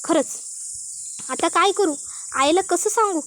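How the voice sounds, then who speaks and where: Brief: woman voicing a scheming young man, muttering asides, high-pitched. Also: measured pace, a bit bright. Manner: muttering, plotting to himself. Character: scheming guilty young man, brother-in-law.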